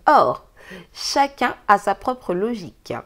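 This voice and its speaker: Speaking slowly in a sing-song, medium-pitched voice, a woman does a relaxed daily tarot reading. She's talkative and emphatic, and her advice is broken up by bursts of laughter.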